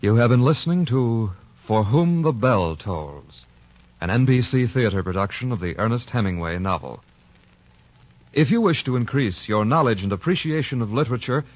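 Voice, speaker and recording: An American man working as an old-time radio announcer, speaking in a formal, measured announcer delivery on a vintage broadcast. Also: mid-range voice, dry recording, muffled recording.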